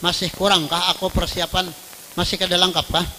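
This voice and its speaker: A man's voice: sits high, flat delivery, fairly quick, bright, forceful tone, a little hiss or hum, full character voice, rough recording. A male preacher with a Banjar accent voicing a solemn male angel messenger, speaking earnestly and formally.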